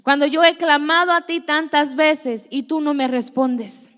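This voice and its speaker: A woman's voice: sits high, fairly even intonation, a little slow, fairly bright tone, long reverb tail. A young woman preacher giving an earnest testimony sermon, telling her story and acting out conversations. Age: young adult. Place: church.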